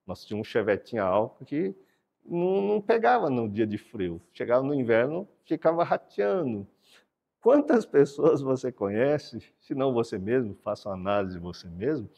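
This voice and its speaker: A man giving a sermon-like talk about the brain and God, explaining a drawing with animated delivery and repeating words for emphasis. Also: medium pitch, gravelly, breathy edge, big-room sound. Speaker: speaker teaching brain science and faith.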